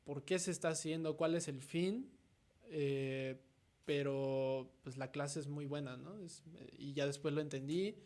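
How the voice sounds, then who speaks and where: A man in his twenties with a Mexican accent, speaking as the guest artist in a casual interview. He thinks out loud and ends many thoughts with a questioning "no?". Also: fairly high pitch, unhurried. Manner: reflective, tags nearly every thought with a questioning "no?".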